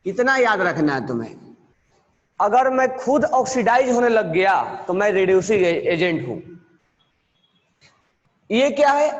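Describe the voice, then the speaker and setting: A man teaching chemistry in a classroom lecture, with terms, repeating key words slowly and quizzing his students. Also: high voice, in a large hall.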